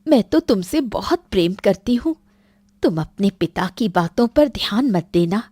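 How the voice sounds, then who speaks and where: A woman voicing a gentle, sad young village mother in a Hindi cartoon story. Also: mid-range voice, lively intonation, normal speed, slightly rough, no echo. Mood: tender.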